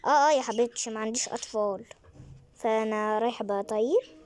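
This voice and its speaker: A woman's voice: on the high side, a little mellow, natural voice. A woman voicing a chatty, motherly Egyptian neighbor in a game role-play skit, speaking with an Egyptian Arabic accent. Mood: fussy. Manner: fast, fussy and motherly chatter.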